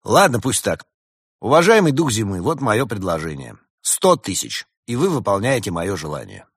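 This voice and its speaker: A man's voice: fairly low pitch, very animated, moderate pace, breathy edge, no echo, studio quality, full character voice. A man voicing a scheming male badger businessman in a read-aloud fairy tale, sly and wheedling.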